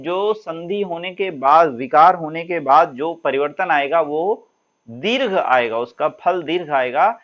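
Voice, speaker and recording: Heard through dull audio, a fairly high-pitched man leads a Sanskrit grammar class. His explanations are patient, and he elongates sample sounds for the students' benefit.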